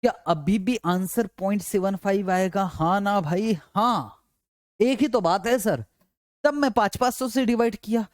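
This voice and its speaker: A man's voice: high-pitched, normal speed, dry recording. A male teacher giving a classroom lecture, explaining step by step and coaxing, often asking students' questions and answering them himself. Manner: repetitive, coaxing.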